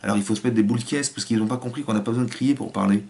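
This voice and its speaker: Fast-talking rabbi giving a lecture. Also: male voice, mid-range voice, vocal fry. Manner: animated, acts out family voices, many restarts. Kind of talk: Torah lecture.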